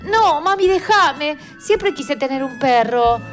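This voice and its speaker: A woman's voice: high-pitched, lively intonation, takes it slowly, faint music behind. A woman voicing a stubborn, pleading little girl, in a storybook reading. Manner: whiny, insistent pleading.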